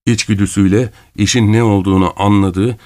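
A man narrating an audiobook in a steady, measured storytelling manner. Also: lowish voice, dry recording, studio quality.

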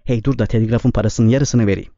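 A man voicing a weary, hard-drinking male laundry worker who talks loud and defiant, read in a slightly dull, dry recording. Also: lowish voice, fairly even intonation, fairly quick, no room sound, lightly acted. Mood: rambling. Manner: pleading, then loud and defiant.

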